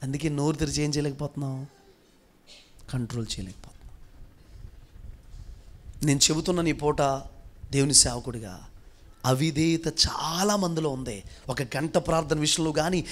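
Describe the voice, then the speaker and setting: Driving his sermon forward with rhetorical question after rhetorical question, a pastor speaks in a voice notably high for a man. Some lines come out loud and forceful, while others are slow and hushed.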